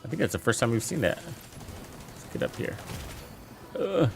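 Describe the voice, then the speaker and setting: Over a noisy background, a streamer with a creaky, medium-pitched voice and big swings in pitch talks at normal speed. He's playing a shooter and keeping up friendly, upbeat chat with his viewers.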